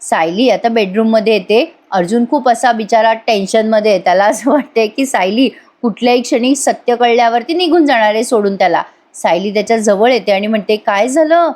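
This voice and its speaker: A woman giving a lively voice-over recap of a TV serial episode, speaking to her listeners as a reviewer. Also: fairly high pitch, brisk, few pauses. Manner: lively storytelling, addresses listeners.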